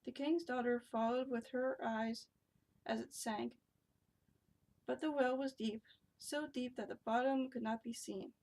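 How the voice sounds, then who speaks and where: A woman reading a fairy tale aloud from a big storybook at home, keeping her voice quiet and hushed. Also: fairly high pitch, rough recording. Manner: hushed, talking quietly so as not to wake someone.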